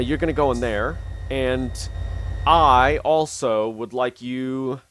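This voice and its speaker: A man thinks aloud as he plays a train game, chatting away and coaxing the locomotive along. He has the hiccups, and his pitch sits in the middle range. A faint hum of noise runs underneath him. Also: fairly bright tone. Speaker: gaming channel host. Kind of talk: casual gameplay commentary.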